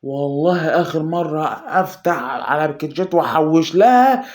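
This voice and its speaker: Speaking at normal speed with a fairly high pitch, this Egyptian-accented gaming YouTuber narrates a pack opening for his channel. He sounds excited yet anxious, pleading, and alternates between groaning and shouting.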